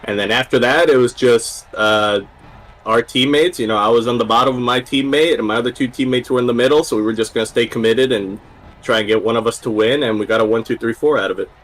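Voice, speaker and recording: A man's voice: mid-range voice, quick pace, a bit bright, low-quality recording. A man who is a race driver guest, talking in a casual interview, rambling a little with frequent fillers.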